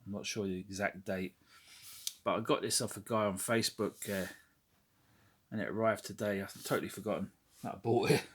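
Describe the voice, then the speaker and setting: A man with a fairly low voice talks about his collection in a loose, unscripted vlog. He rambles, fills gaps with "uh", and swears casually, and he comes across as frank and conversational. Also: fairly even intonation, a little fast, long pauses, a bit bright, husky. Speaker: toy collector vlogger.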